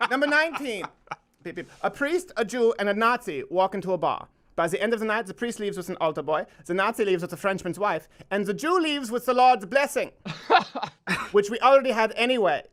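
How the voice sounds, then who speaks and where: A man's voice: sits high, lively intonation, brisk, fairly bright tone. A man hosting a comedic studio talk show, teasing his co-hosts and often stumbling over his words. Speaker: show host.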